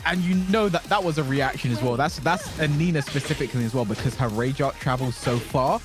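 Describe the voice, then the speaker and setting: A man's voice: medium pitch, fairly quick. A man co-casting a live fighting game tournament as an esports caster, reacting to and analysing the play. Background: music.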